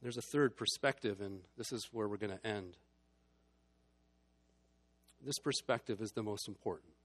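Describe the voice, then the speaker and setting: A man preaching a sermon as pastor, moving between hushed, low passages and emphatic, building ones. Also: normal speed.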